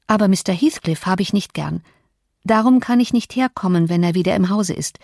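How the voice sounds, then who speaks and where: A woman's voice: mid-range voice, vocal fry, a little mellow, no echo, clean studio sound. A woman reading an audiobook, voicing an earnest, hot-tempered teenage girl. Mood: affectionate. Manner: earnest, quick to flare up.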